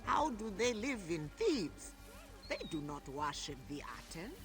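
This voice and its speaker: A man's voice: high-pitched, very animated, a little slow, heavily acted. An actor voicing an eerie whispering male voice in a video game. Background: game music.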